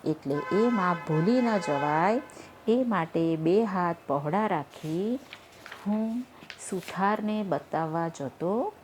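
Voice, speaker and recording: A woman teacher with a slightly low voice reads a story to her class. After each part she goes back over it in plain words and explains the harder terms. A faint hiss of background noise sits under the voice. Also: animated, takes it slowly, darkish tone. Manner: reads story lines aloud, then re-explains them in simple words with English glosses. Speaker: school teacher.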